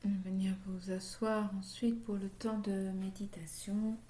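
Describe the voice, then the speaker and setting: A woman leads a yoga meditation class at a slow, unhurried pace. Her voice sits at a middle pitch and carries gentle reassurance. The sound is roomy and echoey. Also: little pitch movement, slight background noise. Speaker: yoga teacher. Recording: echoey room.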